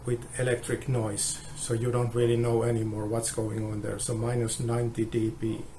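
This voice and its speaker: Over steady background noise on a poor phone recording, a guitar tester walks through how a measurement test works. He speaks flatly and haltingly, often stopping and starting over.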